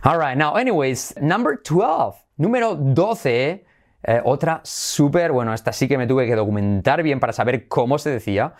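A man's voice: medium pitch, expressive, normal speed. A man from Spain with a Spanish accent giving a bilingual pronunciation lesson, playful and repeating words with exaggerated emphasis. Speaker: English pronunciation teacher.

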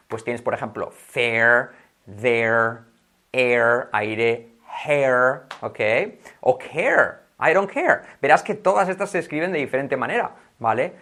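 A chatty man from Spain with a Spanish accent teaches English in a relaxed lesson. His voice sits at an ordinary middle pitch. He switches freely between Spanish and English and repeats practice words like drills. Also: slow. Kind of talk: casual language lesson.

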